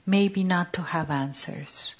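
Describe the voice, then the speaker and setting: A woman giving a gentle contemplative teaching on prayer, speaking softly and often half-whispered in short, halting phrases. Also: lowish voice. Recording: dull lo-fi recording.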